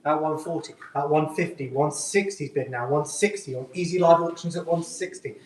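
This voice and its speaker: A man's voice: fairly high pitch, normal speed. Echoey, distant male auctioneer calling bids. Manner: repetitive patter of numbers, polite. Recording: echoey room, picked up from afar.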